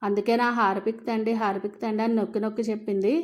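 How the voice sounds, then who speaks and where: A short-tempered young husband who barks orders, voiced by a woman storyteller. His lines come out commanding and irritable. The pitch stays flat and even with little movement. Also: quick pace, close to an everyday voice. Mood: bossy.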